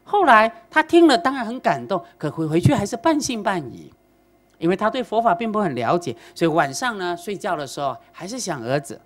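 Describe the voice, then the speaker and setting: A woman giving a Buddhist dharma talk, telling a story in an animated way and often asking the audience rhetorical questions. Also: medium pitch, a little fast. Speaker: Buddhist lecturer.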